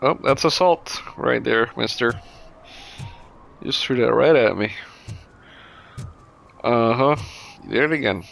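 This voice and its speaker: A man reacts casually to a video game he is playing. His voice sits at a middling pitch with a lot of fry in it, and his talk is slangy and full of swearing. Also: animated, a little slow, long pauses, a bit bright. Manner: profane, slangy. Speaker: gameplay streamer. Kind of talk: casual playthrough reaction commentary.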